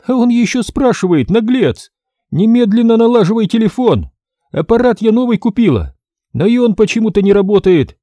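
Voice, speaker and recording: A male reader voices a rude, indignant brunette woman. She scolds in a high, piercing voice that leaps around wildly. The sound is close and completely dry. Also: very animated, moderate pace, warm tone, dry recording. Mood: scolding. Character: stately brunette woman, shrill, rude, quarrelsome.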